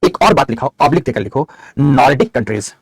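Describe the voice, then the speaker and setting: This online map lecture features a middle-aged geography teacher who talks fast in a husky, slightly raised mid-range voice with lively intonation. He calls students "beta," answers their questions and dictates headings for their notes. The audio is close, dry and echo-free.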